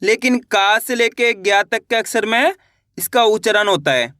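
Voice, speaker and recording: A man's voice: high-pitched, animated, moderate pace, sharp tone, no echo, studio quality. A young man teaching a beginner reading lesson, patiently repeating each question and answering it himself.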